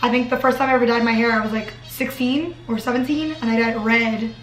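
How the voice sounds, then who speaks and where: A woman in her twenties, a vlogger, chats casually in her dorm room, peppering her speech with "like." Her voice is on the high side, quick and fairly even in intonation, in a low-quality recording with room echo and slight background noise.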